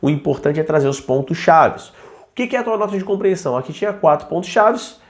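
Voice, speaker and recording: A man teaching aviation English to pilots in an informal video lesson. His voice sits high for a man, and he talks in a chatty, lively way, now and then mimicking a student's questions. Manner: chatty, slips into English examples slowly and acts out students.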